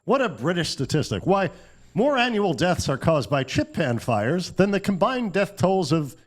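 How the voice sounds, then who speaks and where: A man co-hosting a comedy podcast tells a story with wry humor, acting out imagined reactions and quotes. His voice is high-pitched and sing-song, at a moderate pace, in a comedic storytelling commentary.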